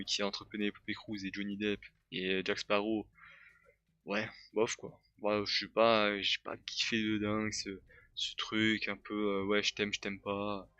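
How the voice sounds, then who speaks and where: A man's voice: lowish voice, sharp tone, dry recording. A young man giving casual, hesitant film reviews, with many fillers and restarts. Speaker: YouTuber reviewing films.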